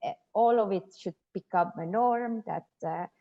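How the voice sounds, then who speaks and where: A woman's voice: medium pitch, normal speed, lo-fi sound. A woman from Estonia, a guest sociologist answering interview questions thoughtfully with frequent hesitations. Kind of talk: interview conversation.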